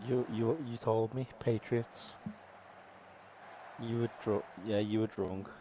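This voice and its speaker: A man chatting casually while gaming with friends; he talks loudly and sometimes bursts into song. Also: fairly low pitch, fairly even intonation, takes it slowly, lo-fi sound, background noise. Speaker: streamer playing with friends.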